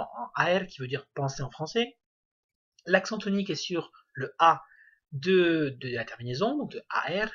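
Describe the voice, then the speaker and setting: A man's voice: fairly high pitch, a bit bright, breathy edge, lo-fi sound. A man teaching a casual spoken lesson, explaining step by step with fillers and restarts and sounding out example words. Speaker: Spanish teacher.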